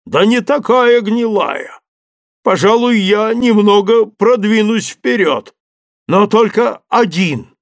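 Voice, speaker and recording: Storybook part: man doing a timid, sly old servant, high drawling calls, dry close sound. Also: slow pace, no room sound. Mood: calling down. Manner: plaintive, wheedling servant talk. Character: old male servant climbing a tree, simple, fearful, sly. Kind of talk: audiobook character voice.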